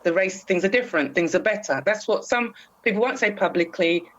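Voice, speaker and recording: A woman's voice: mid-range voice, a little fast. A British woman hosting a radio talk show and putting questions to her guest with long setups. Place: radio studio. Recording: dull lo-fi sound.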